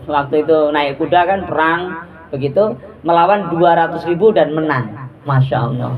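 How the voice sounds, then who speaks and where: Woman preacher, lowish voice, chatty and lively, audience murmuring behind. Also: moderate pace, narrow, tinny audio, a crowd in the background. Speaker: religious teacher. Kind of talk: religious study talk to women. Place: prayer gathering hall with audience.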